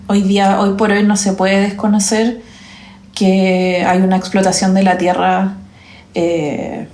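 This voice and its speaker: A woman's voice: medium pitch, flat delivery, measured pace, a little mellow. A woman giving an earnest, slightly hesitant interview answer. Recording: echoey room.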